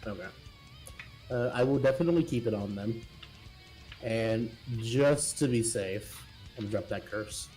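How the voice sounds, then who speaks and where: With music playing behind him, a man chats informally as a player in an online tabletop game. His voice is dark and on the low side, unhurried, with frequent pauses.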